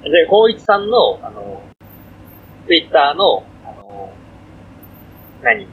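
Rambling young man, lively pitch. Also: extremely slow, gravelly, phone-quality sound, a little hiss or hum. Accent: Kansai. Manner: rambling, self-deprecating, slips into Kansai dialect. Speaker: podcast co-host. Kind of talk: casual chat on a livestream.

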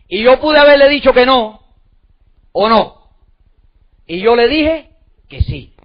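Man, high voice, rapid delivery, emphatic motivational speech, rhetorical questions, dull lo-fi sound. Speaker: motivational speaker. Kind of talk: motivational talk to an audience. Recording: dull lo-fi recording.

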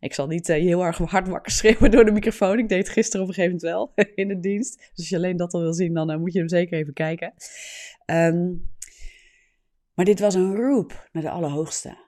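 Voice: medium pitch, steady tone, a little fast, a little mellow. A preacher giving an earnest, explanatory sermon, often adding a questioning tag to sentences.

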